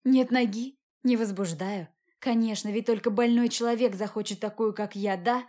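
A woman's voice: a little high, steady tone, moderate pace, warm tone, lightly acted. A woman voicing a despairing, injured young woman in a read-aloud story, anguished and emotional. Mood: bitter despair.

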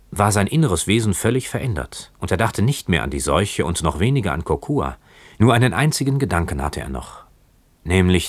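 A man reads a story aloud with a measured, dramatic delivery. His voice sits extremely low, and the recording is close and dry with no room sound. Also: no room sound. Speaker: narrator. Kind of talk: audiobook reading.

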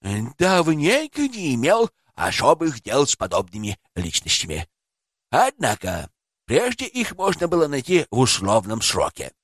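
A man's voice: medium pitch, huge pitch swings, unhurried, a bit bright, no echo, clean studio sound, full character voice. A man voicing a bashful old male street vendor who stammers and hesitates. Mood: musing. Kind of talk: audiobook character voice.

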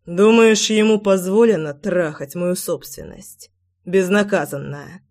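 A woman voicing a domineering male crime boss who speaks hoarsely and menacingly in an audiobook. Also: fairly low pitch, unhurried, darkish tone. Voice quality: hoarse, growling.

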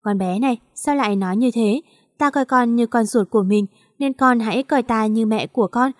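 A woman's voice: on the high side, normal speed, a little mellow, no room sound, clean studio sound, natural voice. A woman voicing a kind, protective middle-aged mother in an audio story, firm and caring.

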